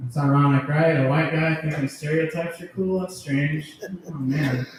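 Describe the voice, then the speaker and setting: A man performs foul-mouthed, crude stand-up for an audience at a comedy club, chuckling at his own jokes as he goes. His voice is a little high, fairly even and at normal speed. The sound, from a handheld stage mic heard at a distance, is echoey with a little hiss or hum.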